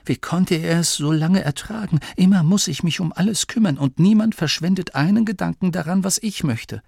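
A man voicing a young, put-upon gnome leader in an audiobook, talking in a rushed, fretful, self-pitying way. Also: sits high, vocal fry, darkish tone, breathy edge, dry recording, clean studio sound, voice pushed up, exaggerated voice. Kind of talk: audiobook character voice.

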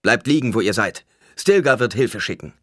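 A man's voice: low voice, lively intonation, brisk, pushed and bright, no echo, studio quality. A male reader voicing a blinded young male leader in an audiobook, speaking firmly and with command. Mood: urgent. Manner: raised, commanding, firm. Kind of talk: audiobook character voice.

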